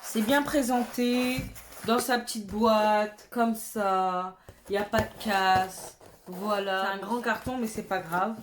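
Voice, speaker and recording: Slow and medium-pitched, this woman talks through her beauty haul in a chatty, animated way, punctuating the show-and-tell with excited exclamations. Background noise is audible.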